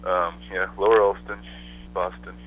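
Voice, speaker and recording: A man talking over the phone as a songwriter guest, relaxed and loose, with many fillers. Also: low voice, normal speed. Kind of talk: casual phone interview. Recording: muffled phone line with faint hiss.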